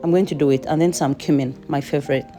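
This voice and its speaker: A woman's voice: sits low, fairly even intonation, fast, mellow, faint music behind. A woman home cook giving a chatty cooking voice-over with playful asides.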